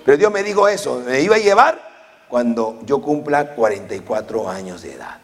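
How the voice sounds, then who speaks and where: A man's voice: medium pitch, big pitch swings, brisk. A man in his forties preaching a fervent sermon as pastor, punctuating his points with amen and hallelujah. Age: 40s. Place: church hall. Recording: long reverb of a church hall.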